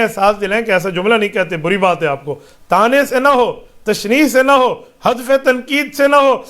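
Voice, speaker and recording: A man's voice: very high-pitched, fairly bright tone. A man answering listeners' religious questions as a mufti, speaking emphatically with rhetorical questions and repeated parallel phrases.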